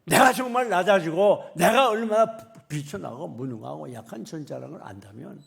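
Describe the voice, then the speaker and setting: Male pastor, conversational sermon, rhetorical questions, slightly high, gravelly.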